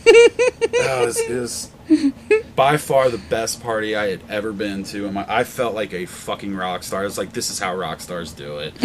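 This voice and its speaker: A man's voice: on the low side, huge pitch swings, takes it slowly, heavy background noise. A middle-aged man co-hosting a podcast, in casual chat, reminiscing with lots of laughter and swearing. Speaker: podcast co-host.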